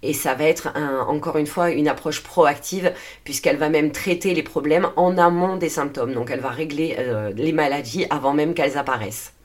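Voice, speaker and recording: Low-voiced French woman explaining calmly. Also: moderate pace. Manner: earnest, steady delivery with frequent "euh" fillers and self-corrections. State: dry throat. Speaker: podcast host and naturopathy coach. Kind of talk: solo podcast explainer, partly read.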